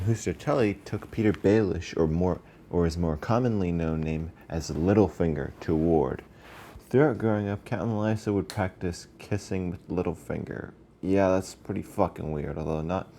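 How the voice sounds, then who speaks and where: A man with a low, dark voice narrates a video in an informal, scripted way. His words are slightly slurred by the retainer he is wearing, and he sometimes trips and restarts. A faint noise sits behind the voice. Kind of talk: casual scripted narration with asides.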